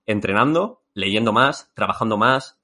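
A man's voice: on the low side, animated, measured pace, sharp tone. A man, hosting an interview in a casual, encouraging, reflective tone. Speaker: interview host.

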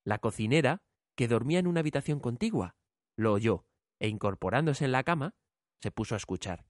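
A man narrating a fairy tale in an expressive storytelling manner. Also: medium pitch, a little fast, dry recording, studio quality.

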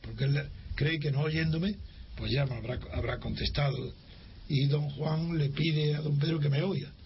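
Recounting something from his past for an interviewer, an older man from Spain brings the conversation to life by performing the lines, frequently starting over. He speaks at a moderate pace in a slightly high voice, captured on a dull, faintly hissing lo-fi recording.

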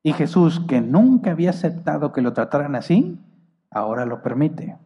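A man's voice: on the high side, very animated, moderate pace, dark tone, in a large hall, muffled recording. A man preaching a Bible teaching sermon who explains passages, reads commentaries aloud and asks his listeners rhetorical questions.

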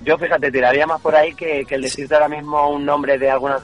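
A man's voice: a little high, level tone, fast. A man from a band answering as a guest in a radio interview, earnest and thoughtful. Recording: slightly dull radio sound.

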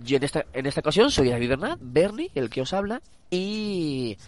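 A man's voice: fairly high pitch, very animated, fast talker, darkish tone, no room sound. A man with a Castilian Spanish accent hosting a casual podcast in a nasal voice, stuffed up with a cold, rambling and correcting himself as he chats. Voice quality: nasal, congested voice. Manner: rambling, hesitant, self-correcting. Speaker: podcast host. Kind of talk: casual chatty podcast recommendation. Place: out walking a dog.

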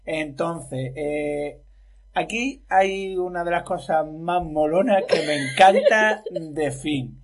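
A man's voice: fairly high pitch, slow pace. A man in a casual film discussion, talking in a playful, chatty way. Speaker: film commentator.

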